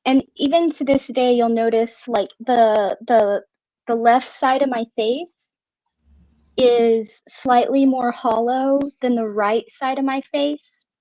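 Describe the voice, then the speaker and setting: A woman's voice: on the high side, steady tone, slow pace, dark tone, dry recording. A middle-aged woman chatting casually, articulating carefully, with slightly slurred speech and whistling S sounds as with missing teeth. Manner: careful articulation while relearning to talk. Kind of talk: casual chat. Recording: dull, lo-fi online audio.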